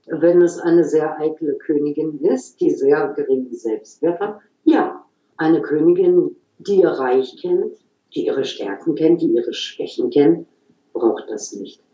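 A woman talking calmly and reflectively as an interview guest, explaining her work at an unhurried, thoughtful pace. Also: sits low, echoey room, lo-fi sound. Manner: calm, explanatory, frequent "so" pauses. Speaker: guest, regression therapist.

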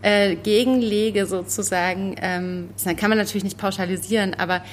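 A woman from eastern Germany co-hosting a literary podcast, talking in an animated, emphatic way and often searching for words. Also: medium pitch, normal speed, a little hiss or hum. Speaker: podcast co-host. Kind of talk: casual book discussion.

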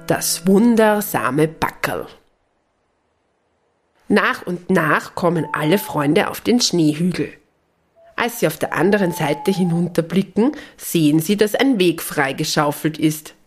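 A woman reading a children's story aloud as host, with a gentle, clear, animated delivery. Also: fairly low pitch, a little slow.

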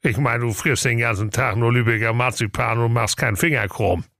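A man's voice: mid-range voice, fairly quick, gravelly, fairly bright tone, no echo, studio quality, voice pushed up. A man voicing a good-natured, henpecked excavator driver who sounds exasperated in a comic audio fairy tale. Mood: weary. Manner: weary, exasperated, sing-song rhymes.

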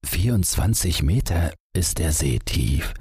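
A worried, kindly father musing to himself in a very deep, husky voice, as a man reading a story voices him. He speaks slowly and gently, with a troubled tone. The sound is dry and close. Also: animated, dry recording, heavily acted.

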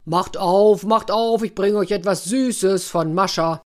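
A woman voicing a big, gruff, bossy male bear in a storybook reading, grumbling loudly. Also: low voice, animated, unhurried, slight background noise.

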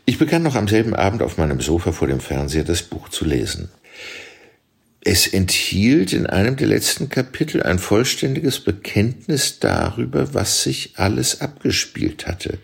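A man reading a literary novel aloud as an audiobook, with measured, expressive storytelling. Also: deep voice, vocal fry, slightly rough. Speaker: audiobook reader.

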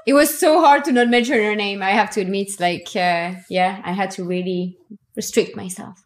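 A woman's voice: medium pitch, steady tone, normal speed, echoey room. A woman guest in a casual podcast chat, playful and teasing, giggling often. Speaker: guest, co-host.

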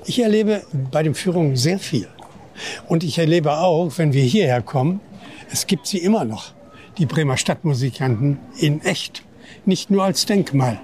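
A man's voice: a little high, animated, moderate pace, darkish tone, a little hiss or hum. An older man, a city tour guide telling rambling anecdotes outdoors on a walking tour. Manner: chatty, rambling, many "ja, ja" fillers. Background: street music.

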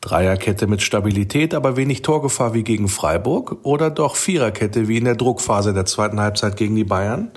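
A man's voice: lowish voice, lively intonation, fairly quick, few pauses. A man reading out a scripted, critical and analytical commentary for a fan podcast.

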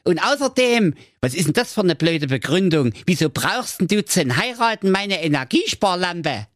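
Guy putting on a squeaky aladdin, bratty and swearing, swoops way up high. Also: very animated, normal speed, fairly bright tone, no echo, clean studio sound. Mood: defiant. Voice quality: squeaky, shrill put-on voice. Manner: brash, cursing, indignant. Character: cheeky whiny young fairy-tale man Aladdin.

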